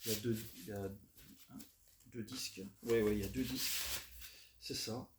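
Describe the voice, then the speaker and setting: A man chatting casually as he shows off his record finds, relaxed and hesitant with many fillers. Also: lowish voice, normal speed. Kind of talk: casual unboxing chat. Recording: roomy echo, faint noise.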